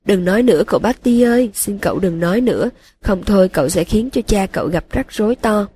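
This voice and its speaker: A woman's voice: medium pitch, expressive, a little fast, dark tone, a little hiss or hum, lightly acted. A woman voicing a timid, loyal female house-elf who pleads with trembling, sobbing words in an audiobook reading. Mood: pleading.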